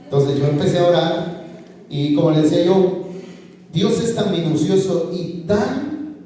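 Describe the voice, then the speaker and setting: A man's voice: sits high, unhurried, mellow. A man giving an earnest personal testimony to a congregation, often checking in with "¿verdad?" as he tells his story. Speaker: church member giving a testimony. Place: large church hall. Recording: echoey hall from far off.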